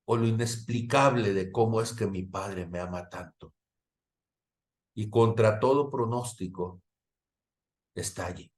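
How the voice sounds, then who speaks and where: A man preaching a sermon, telling a personal story and swinging from loud to hushed, often checking in with the listeners. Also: lowish voice, unhurried, long pauses. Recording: roomy echo.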